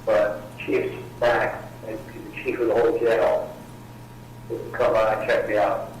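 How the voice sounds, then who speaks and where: A man talking from jail on a prison phone call, rambling and halting with lots of fillers. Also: fairly low pitch, flat delivery. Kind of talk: casual phone conversation. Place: jail cell. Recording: distant echoey jail phone line with faint noise.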